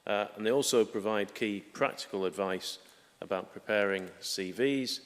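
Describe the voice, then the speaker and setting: A man giving a formal parliamentary speech as a member of parliament, delivered haltingly in short phrases. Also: on the low side. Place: large parliamentary debating chamber. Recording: echoey hall with long reverb.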